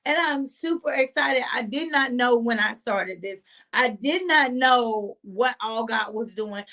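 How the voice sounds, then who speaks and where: A woman with a high, bright voice gives a casual devotional talk on her live stream. She talks straight to her listeners, calling them y'all, and she breaks often into lively exclamations. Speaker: host of a faith live stream.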